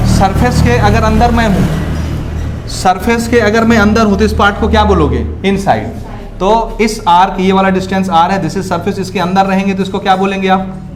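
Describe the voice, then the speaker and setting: A man teaches physics in a classroom lecture. He asks his students again and again whether they understood, then gives the one-word answer himself in a lower, quieter voice. A faint hum of room noise sits under the recording. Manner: drops low and soft on one-word answers.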